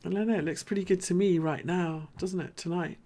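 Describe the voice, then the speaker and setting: A deep-voiced woman hosts a live market analysis stream, speaking briskly with a warm tone and fairly even intonation. She's chatty and informal, thinking aloud point by point.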